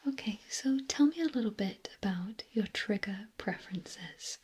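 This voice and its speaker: A woman in a whispered role-play as a clinic examiner, speaking gently in a breathy, unvoiced whisper. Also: mid-range voice. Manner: slow, gentle, softly questioning. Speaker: ASMR performer playing a clinic examiner.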